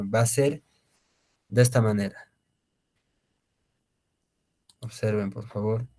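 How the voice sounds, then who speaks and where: A man teaching a beginner Quechua class online, explaining slowly with many fillers, repeated words and tag questions. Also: fairly low pitch, darkish tone.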